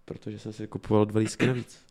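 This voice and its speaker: A man's voice: lowish voice, level tone, darkish tone. A man co-hosting a football podcast, talking in a casual, slangy, laid-back way. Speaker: podcast co-host.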